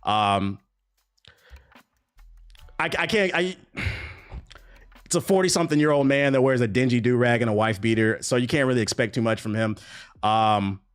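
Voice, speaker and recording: A man's voice: medium pitch, moderate pace, pauses often, clear, resonant tone. A young man riffing casually on gaming news during a live stream, mocking and profane, with bursts of laughter between comments. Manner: animated, profane, mocking banter.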